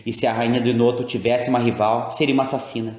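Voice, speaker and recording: A man's voice: medium pitch, little pitch movement, fast, darkish tone, echoey room, close to an everyday voice. A man reading the part of a proud, anguished queen, in grand, old-fashioned formal speech. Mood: bitter.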